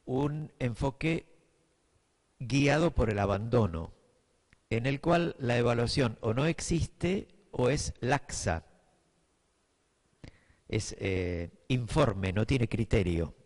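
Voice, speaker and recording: A middle-aged man from Buenos Aires lectures in the accent of that city, taking his time over every idea. His voice sits at an ordinary pitch, and he thinks aloud with fillers while often checking that his listeners follow. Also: slow pace, pauses often, a little mellow. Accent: Buenos Aires Spanish. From Buenos Aires, Argentina. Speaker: teacher giving a class. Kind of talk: lecture to teachers.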